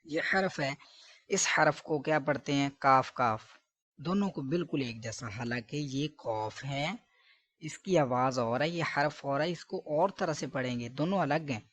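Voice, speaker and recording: A man's voice: fairly high pitch, fairly bright tone, no room sound. A man teaching letter pronunciation, correcting common mistakes and stretching each sound long. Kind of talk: recitation lesson.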